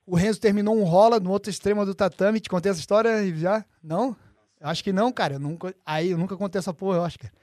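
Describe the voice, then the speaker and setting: High-voiced Brazilian man telling a story. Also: quick pace, no echo, clean studio sound. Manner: animated, slangy, swears freely, acts out quoted voices. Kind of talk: casual podcast storytelling.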